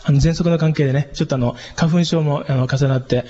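Husky Japanese man teaching singing. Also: quick pace. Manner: chatty, many fillers, animated shifts in pitch. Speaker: church pastor teaching singers. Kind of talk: casual spoken lesson. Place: church hall. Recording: dull lo-fi sound with long reverb.

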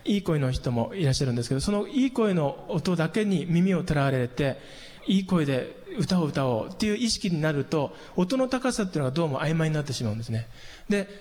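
A man teaching a singing lesson, explaining patiently and calmly, with hummed demonstrations. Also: on the high side. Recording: long hall reverb.

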